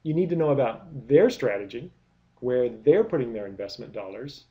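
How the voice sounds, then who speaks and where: A man's voice: medium pitch, lively intonation, normal speed, narrow, tinny audio. A man giving a recorded business lecture, explaining step by step with many rhetorical questions and frequent restarts. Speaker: product management lecturer.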